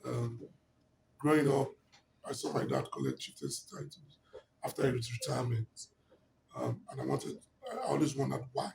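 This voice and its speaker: With a sing-song, gravelly mid-range voice, a middle-aged Nigerian English-accented man tells his life story at a moderate pace, leaving long pauses and many fillers in an emphatic, expansive manner. He sits on an indoor sofa while the interviewer holds a handheld mic, and the audio is roomy, slightly distant, and noisy in the background.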